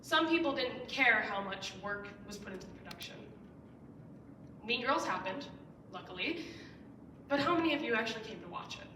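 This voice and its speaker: A late-teen student, her voice fairly high and animated, gives an earnest persuasive speech from a school stage at a moderate pace with frequent pauses. She pushes key words up with emphatic rises. The recording is noisy, roomy and echoey, picked up from some distance.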